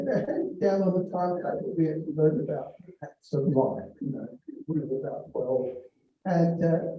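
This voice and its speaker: An older man from England telling rambling standup stories about his school days, halting with many restarts. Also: a little high. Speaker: comedian. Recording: distant, dull, very echoey room.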